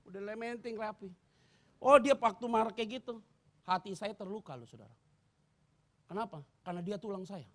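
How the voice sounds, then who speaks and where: A man, preaching a sermon. He jokes and swings between loud bursts and hushed asides. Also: high-pitched, normal speed, pauses often. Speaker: pastor.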